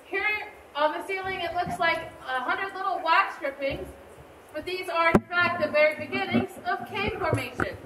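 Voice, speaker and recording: A woman's voice: very high-pitched, normal speed. A woman working as a tour guide, explaining things to a group in scripted narration inside a cave. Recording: echoey cave, distant mic, faint noise.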